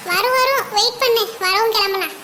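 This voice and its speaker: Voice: brisk, bright, forceful tone. A performer voicing a playful young cartoon college girl who teases her friend. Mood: teasing. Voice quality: very high, thin cartoon voice. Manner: teasing, playful. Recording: audible background noise.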